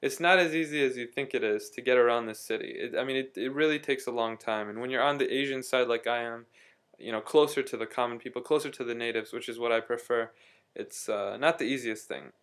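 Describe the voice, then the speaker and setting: Medium in pitch, fairly quick, and fairly bright in tone, this man is a vlogger based in Istanbul. He talks casually to the camera, wandering through a story with lots of ums and frequent restarts.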